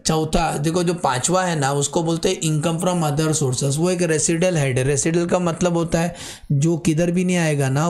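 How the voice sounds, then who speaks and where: A man in middle age with an Indian accent gives a tax lecture in a voice pitched a little above the usual for men. He talks to students as "beta", quizzing them and answering himself. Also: a little mellow. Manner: addresses students as "beta", asks and answers his own questions. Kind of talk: classroom lecture.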